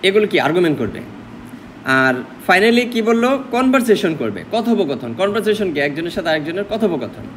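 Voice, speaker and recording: A man with a Bangladeshi Bengali accent teaches a poetry class in a fairly high voice. He explains each point patiently and keeps throwing questions back at his listeners. A faint air-conditioner hum sits behind him. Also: fairly bright tone, rough recording. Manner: explains step by step, asks rhetorical questions. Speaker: English literature lecturer. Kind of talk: classroom lecture mixing English terms.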